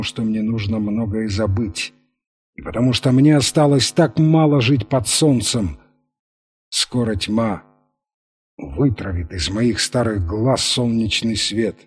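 A man voicing a wretched, drunken old laborer who pleads and laments in a self-pitying way, with a husky voice. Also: mid-range voice, darkish tone.

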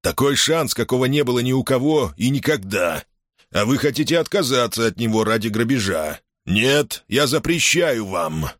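A man voicing a stern, commanding alien pirate leader who speaks harshly and forcefully in an audiobook. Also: mid-range voice, sing-song, normal speed, no room sound, studio quality, voice pushed up.

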